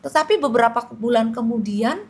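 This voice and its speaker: Earnest middle-aged woman, guest testimony, slightly high voice, storytelling delivery. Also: brisk. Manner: earnest, storytelling, quotes others in acted voices. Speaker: guest sharing a personal testimony. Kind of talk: emotional personal testimony.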